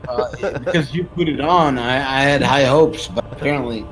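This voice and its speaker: A man's voice: mid-range voice, normal speed, faint music behind, rough recording. A young man streaming a game and chatting casually with friends, joking, laughing and swearing freely. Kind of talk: casual chat while gaming.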